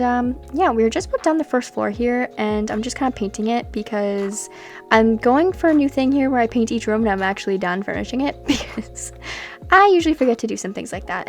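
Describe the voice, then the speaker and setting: A young woman who builds in the Sims and makes videos chats casually over gameplay, rambling, poking fun at herself, and laughing often. Her voice sits on the high side with a darkish tone.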